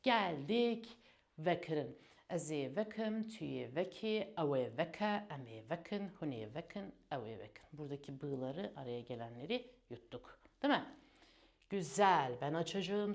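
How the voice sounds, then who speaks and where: A woman's voice: sits low, animated, normal speed, vocal fry. A woman teaching an online language lesson, patiently drilling verb conjugations and addressing her learners as friends.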